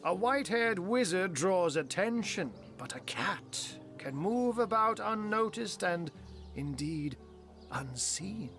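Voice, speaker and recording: An actor playing a sly old wizard in cat form in a fantasy game, arch, wordy and conspiratorial. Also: male voice, high-pitched, animated, slow pace, fairly bright tone, soft background music, heavily acted. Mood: smug, wary. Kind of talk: fantasy game character dialogue.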